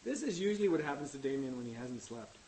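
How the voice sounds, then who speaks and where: A man's voice: mid-range voice, animated, quick pace. Man, director, casual commentary, teasing, needling questions, bouncy voice, background chatter.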